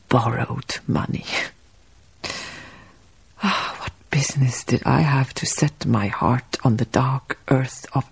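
This is a radio-drama performance: an actress portrays a Danish baroness narrating her own life, reflective and melancholy, husky and breathy, unhurried and literary as she muses. She commits to a full character voice pitched extremely low.

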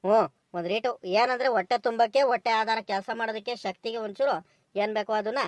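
A woman's voice: fairly high pitch, dry recording, lightly acted. A woman voicing an impatient male farm foreman in a comedy cartoon, scolding in a rural southern Karnataka Kannada accent. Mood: insistent. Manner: brisk, scolding and bossy. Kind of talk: village comedy cartoon dialogue.

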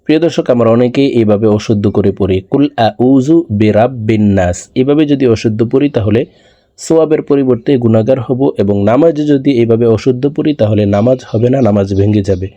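A man teaching Quran recitation, spelling out syllables slowly and chanting verses high and drawn out. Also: mellow, no echo, dull audio. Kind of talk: slow spelled-out recitation lesson.

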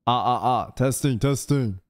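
In a dry recording, a young man with a mid-range voice speaks at normal speed as he streams a game from his home streaming room. Right up against a studio mic on a boom arm, he chats and teases his group in casual voice chat, playful, jumpy and animated.

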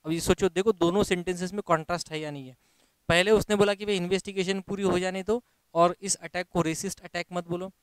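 A man with an Indian accent gives an exam lesson, reading English sentences slowly and then explaining them in Hindi. His voice is fairly high and smooth. He prods his students with rhetorical questions, recorded dry and close. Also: steady tone, no room sound. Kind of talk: classroom lecture.

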